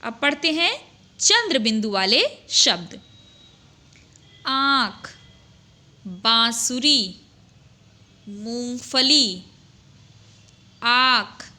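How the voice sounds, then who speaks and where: A woman teacher speaks very slowly and carefully, pausing over each word for small children. Her voice is high and bright, and she keeps asking simple questions before giving the answer herself. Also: lively intonation. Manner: drawn-out, syllable by syllable word drills with questions to pupils. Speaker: primary school Hindi teacher. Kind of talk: slow, deliberate lesson for young children.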